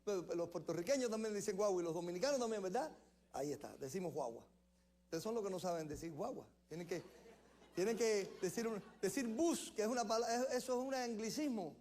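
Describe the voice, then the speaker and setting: A male pastor with a Cuban accent preaches at a church service in a rather high voice. He tells stories with a joking, easy manner. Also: expressive, brisk, a little mellow. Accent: Cuban Spanish. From Cuba. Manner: anecdotal, joking, laughs often. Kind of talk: sermon.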